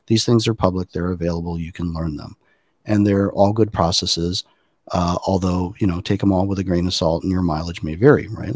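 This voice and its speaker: Deep-voiced man explaining design process. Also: no room sound. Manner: thoughtful, explanatory, loose with fillers and restarts. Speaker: podcast guest, design practitioner. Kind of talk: casual conversational podcast.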